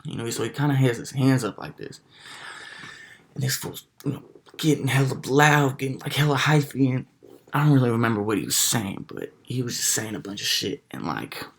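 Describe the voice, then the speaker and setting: A young man telling a personal story in a casual, slang-heavy, animated way with lots of swearing. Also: medium pitch, a little fast, creaky.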